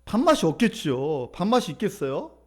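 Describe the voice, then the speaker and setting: A man's voice: sits high, sing-song, a little fast. A male pastor giving a conversational sermon, often asking the congregation questions.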